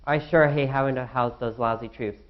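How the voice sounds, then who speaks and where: A man's voice: medium pitch, steady tone, a little fast, dull audio, close to an everyday voice. A young man playing an anxious founding father in a student skit, fretting aloud to himself. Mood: worried musing. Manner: fretful, talks to himself.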